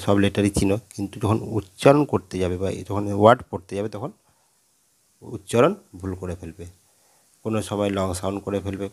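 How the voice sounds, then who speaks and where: A man's voice: fairly low pitch, darkish tone. A man teaching pronunciation, spelling words out letter by letter and checking with the listener often. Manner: explains patiently, spelling words out letter by letter, with frequent check-ins. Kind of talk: lesson.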